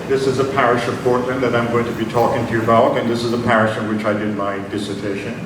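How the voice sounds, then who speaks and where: A man, giving an unhurried, personal academic lecture with slides and frequent ums. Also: mid-range voice, level tone. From Jamaica. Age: 70s. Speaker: invited lecturer. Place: large conference hall. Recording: very echoey hall, distant mic, noisy.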